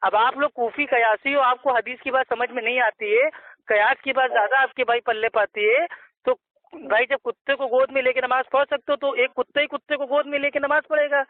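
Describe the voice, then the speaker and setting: Brief: very high-pitched male debater, combative and mocking, tinny phone-line sound. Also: no room sound. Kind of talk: heated religious debate.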